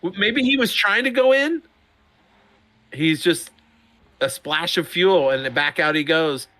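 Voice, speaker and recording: A middle-aged man giving chatty, excitable sim racing commentary, often laughing. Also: on the high side, measured pace. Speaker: race commentator.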